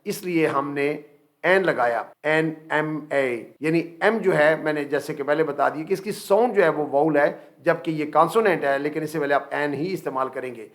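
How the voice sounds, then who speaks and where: A middle-aged man with a Pakistani accent gives a grammar lecture in a fairly high voice. He explains each point step by step and slows right down to spell out every example sentence. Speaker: English grammar teacher. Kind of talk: classroom lecture.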